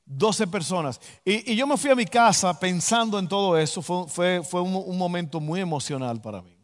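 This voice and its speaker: Guy preaching, high voice, big echoey hall, acts out the story. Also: lively intonation, normal speed. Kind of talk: storytelling sermon. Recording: long hall reverb.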